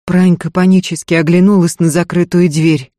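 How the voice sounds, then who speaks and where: Brief: woman narrator, mellow and slightly husky, dry close mic. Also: fairly low pitch, fairly even intonation, normal speed, dry recording. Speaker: audiobook narrator. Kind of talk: scripted narration.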